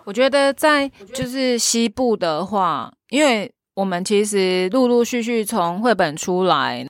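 A woman with a Taiwanese Mandarin accent, a children's theater troupe leader, chatting in an interview and retelling stories with animated quoted dialogue. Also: fairly low pitch, no room sound, studio quality. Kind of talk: casual interview talk, storytelling.

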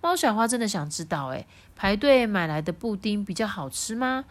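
A woman reading a children's storybook aloud in a lively, sing-song way. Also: medium pitch, normal speed.

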